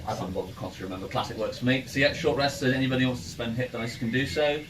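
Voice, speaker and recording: A male game master running an in-person tabletop session talks casually and narrates for his players, racing along in a mid-range voice. The mic sits at a distance in a roomy space, and background noise is clearly audible.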